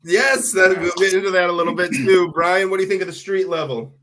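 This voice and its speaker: A man's voice: high voice, a little fast, a bit bright. A man hosting a casual podcast chat while sick, his voice nasal, talking in an upbeat, rambling way. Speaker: podcast host.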